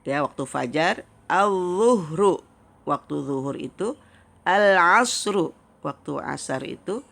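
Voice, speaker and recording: A woman's voice: animated, gravelly. A woman teaching an Arabic reading lesson, patiently reading each word and then its translation. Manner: patient, repeats each word slowly and drops pitch on the translation.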